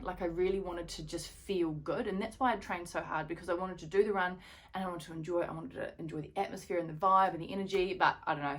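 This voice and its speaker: A woman in her thirties telling a story in a chatty, rambling vlog with many fillers and restarts. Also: fairly low pitch. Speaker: fitness vlogger.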